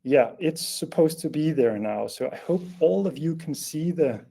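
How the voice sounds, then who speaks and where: A man presents to an online audience in a relaxed, unscripted way. His voice is gravelly and mellow, and he trips over his words and restarts often as he explains. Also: on the high side, moderate pace. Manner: hesitant, many restarts and fillers. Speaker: webinar host. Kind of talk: casual webinar presentation.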